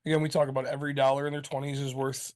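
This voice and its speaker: A man's voice: mid-range voice, level tone, racing, darkish tone. A man co-hosting a casual podcast, rambling as he explains investment numbers, with the odd swear. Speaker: podcast co-host.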